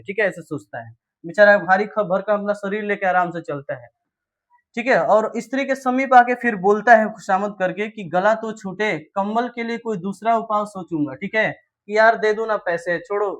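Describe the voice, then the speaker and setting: A man's voice: high voice, a bit bright. A male teacher explaining a story line by line in plain, repetitive everyday words, checking in often with "okay". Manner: explains slowly with everyday paraphrase.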